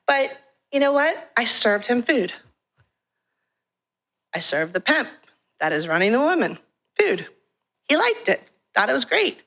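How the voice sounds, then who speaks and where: Frank, animated woman telling her story. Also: a little high, a little slow, gravelly, long pauses. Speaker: guest speaker from a ministry. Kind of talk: testimony talk to a church congregation. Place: church sanctuary.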